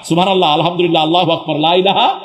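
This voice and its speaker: A man's voice: on the high side, steady tone, very fast. A man preaching a sermon to a crowd. He asks the crowd questions, answers them himself, and sometimes breaks into chanted phrases. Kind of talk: Islamic sermon at a public gathering. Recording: echoey hall with long reverb.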